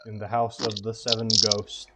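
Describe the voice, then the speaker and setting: A man's voice: fairly low pitch, flat delivery, moderate pace, a crowd in the background. A man co-hosting a casual gaming chat, loose and joking, often swearing. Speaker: co-host.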